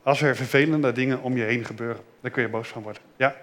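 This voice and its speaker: A man giving a children's sermon in a simple, gentle way, asking the children questions and repeating their answers. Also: mid-range voice, fairly even intonation, fast talker. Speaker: children's pastor.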